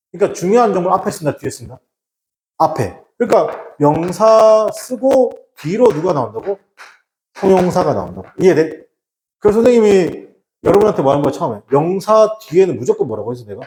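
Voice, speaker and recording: Lively questioning grammar teacher, man. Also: high voice, roomy sound. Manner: rhetorical questions, answers himself, mixes casual and polite speech; acts out shouted warnings to make a point. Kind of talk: recorded online lecture.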